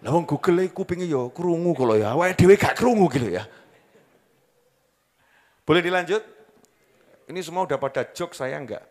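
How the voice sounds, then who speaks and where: Joking Javanese preacher in a reverberant hall. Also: male voice, a little high, expressive, normal speed, long pauses, darkish tone. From Java, Indonesia. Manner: jokey, asks the crowd questions, mixes in local dialect. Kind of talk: sermon.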